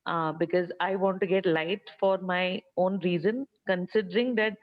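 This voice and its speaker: A woman's voice: lowish voice, fairly even intonation, normal speed. A woman on a group coaching call who talks openly and replies with brief agreements. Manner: open, agreeable, brief assents. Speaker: caller in a coaching session. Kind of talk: casual talk on a call. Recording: distant, dull lo-fi call audio.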